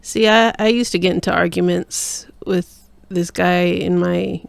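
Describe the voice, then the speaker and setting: A woman's voice: fairly low pitch, steady tone, a little slow, gravelly, no room sound. A woman co-hosting a casual chat in a home studio, playful and teasing, laughing often. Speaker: co-host.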